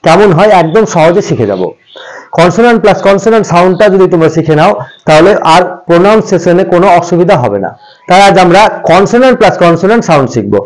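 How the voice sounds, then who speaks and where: A man's voice: high voice, lively intonation, fast, rough recording. A man teaching an English pronunciation lesson, patiently repeating examples and speaking to viewers as friends.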